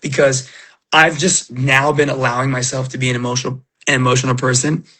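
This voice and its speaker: A man's voice: mid-range voice, little pitch movement, fairly quick, bright, forceful tone, slightly rough. A middle-aged man hosting a casual stream, telling rambling emotional stories full of fillers and restarts while he recovers from illness. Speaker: livestream host opening trading cards. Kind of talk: casual chat to viewers.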